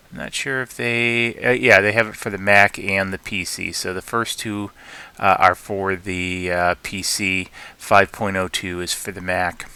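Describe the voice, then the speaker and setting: A man hosting his channel, talking through a screen-recorded software tutorial with many fillers and restarts. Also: fairly low pitch, clear, resonant tone, no room sound. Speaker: channel host.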